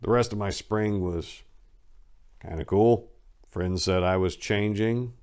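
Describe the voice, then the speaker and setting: A man hosts a memoir-style dramatic reading, his expression shifting from emphatic to hushed. He takes it slowly, in a fairly low, clean-toned voice.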